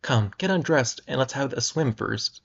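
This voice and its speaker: Man putting on a young british woman, teasing, breathy and coy, pulp-novel heroine, dull lo-fi sound. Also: medium pitch, expressive, moderate pace. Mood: coy, inviting. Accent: British (put on). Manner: soft, teasing, then shrieking.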